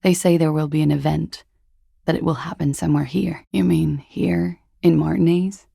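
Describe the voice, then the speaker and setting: Klaasje, husky, creaky, jaded flirt. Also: female voice, low-pitched, steady tone, moderate pace, mellow, no room sound, clean studio sound, full character voice. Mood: wistful, mysterious. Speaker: video game character. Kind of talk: video game dialogue.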